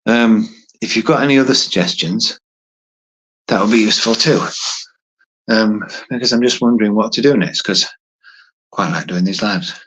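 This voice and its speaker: A man in his fifties talks to viewers on a casual phone livestream while doing push-ups. His voice sits a little low and is slightly husky. He speaks in a hesitant, rambling way, thinking aloud as he goes. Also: normal speed, long pauses, a bit bright, low-quality recording. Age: 50s. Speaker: livestream host. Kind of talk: casual live chat to viewers.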